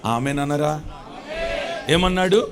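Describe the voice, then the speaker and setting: A man's voice: fairly high pitch, takes it slowly, slight background noise. A male preacher, giving a fervent sermon with repeated phrases and calls for amen.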